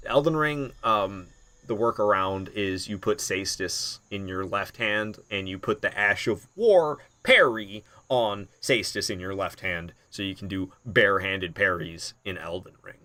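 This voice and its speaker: A man's voice: lowish voice, unhurried, pushed and bright. A man casually commenting while playing a game on a live stream, rambling and laughing, talking to his chat. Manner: chatty, rambling, laughs often, talks to chat.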